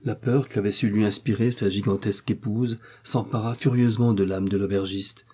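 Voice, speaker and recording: A man reading a classic novel aloud as an audiobook narrator, in a measured, even way. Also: on the low side, breathy edge. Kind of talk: scripted narration.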